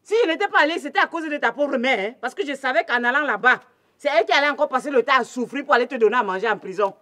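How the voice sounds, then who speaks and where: A woman's voice: high voice, animated, racing, sharp tone. An actress playing a stern mother who scolds an intruder. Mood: scolding. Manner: commanding, scolding. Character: stern mother protecting her household.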